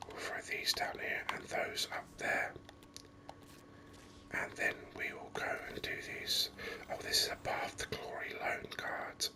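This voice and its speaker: Leisurely and hushed, an ASMR gaming host whispers near the microphone, offering idle musings about the game as they progress.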